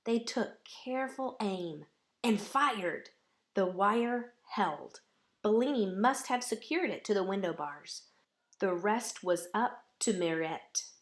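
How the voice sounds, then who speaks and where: Reading a picture book for children, this woman uses deliberate, measured and dramatic phrasing. Her mid-range voice carries lively intonation.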